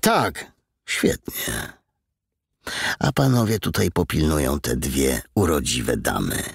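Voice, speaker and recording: A man's voice: extremely low pitch, sing-song, slow, vocal fry, breathy edge, no room sound, clean studio sound, exaggerated voice. A man voicing a brutal, menacing male bandit leader who gives commands and threats in a cold, businesslike way.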